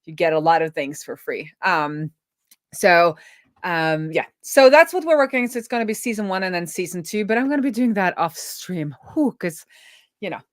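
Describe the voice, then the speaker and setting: Expressive and somewhat low-pitched, this woman talks at a normal speed in a studio-quality recording free of room sound. She's a web developer running an informal coding livestream, narrating her thoughts as she goes.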